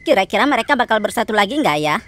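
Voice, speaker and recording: A woman's voice: medium pitch, very animated, very fast, fairly bright tone. A woman voicing Jessica, a vain, snarky young female ghost in a cartoon, talking in sassy, mocking slang. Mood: catty.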